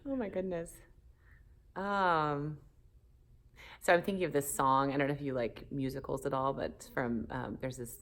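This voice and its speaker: A woman in her forties from the Southern United States, a pastor speaking candidly in an interview, thoughtful and animated with many fillers. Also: sits low, normal speed, long pauses. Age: 40s. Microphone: phone camera.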